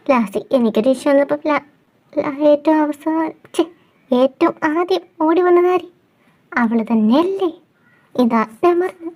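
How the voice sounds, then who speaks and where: A woman acting out a fan audio drama, chatty and animated, coaxing and scolding as she voices the friends' talk. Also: high-pitched. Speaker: storyteller voicing all parts.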